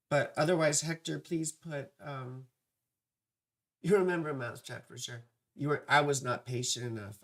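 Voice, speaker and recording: An astrology livestream host with a dry, parched vocal fry, chatting casually with viewers in a playful, scattered way, often breaking off into affectionate asides. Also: mid-range voice, fairly bright tone.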